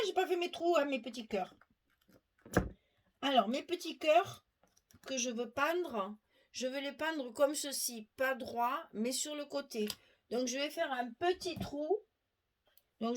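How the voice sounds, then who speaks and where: A middle-aged woman talks slowly through a craft demonstration, her voice sitting a little high. She chats with viewers as she works, with faint background noise and small clicks from her tools. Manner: chatty, explains while working, asides to viewers. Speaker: crafting tutorial host.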